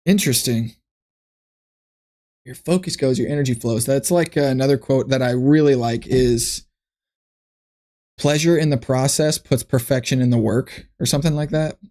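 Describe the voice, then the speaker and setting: A man chatting on a casual livestream, musing aloud and restarting his sentences as he goes. His voice sits at an ordinary middle pitch. He talks into a desk mic at his computer. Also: moderate pace, pauses often, mellow. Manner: thinks aloud, rambling with restarts. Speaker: streamer.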